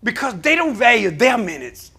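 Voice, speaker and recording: High, bright-voiced preaching man. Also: big pitch swings, moderate pace, slightly rough. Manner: call-and-response preaching that builds to shouting. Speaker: pastor. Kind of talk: sermon. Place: church sanctuary.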